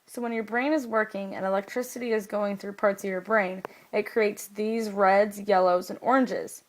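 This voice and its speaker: A woman's voice: mid-range voice, fairly even intonation, moderate pace, slight background noise, rough recording. Young woman patiently explaining brain scans. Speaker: explainer in a school video skit. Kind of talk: scripted educational skit.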